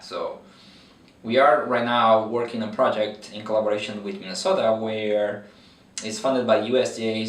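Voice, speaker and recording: A Brazilian man in his thirties, speaking with a Brazilian accent in a fairly low voice, answers interview questions about his veterinary research, full of fillers and restarts. The mic sits far from him, and the room gives off a spacious echo.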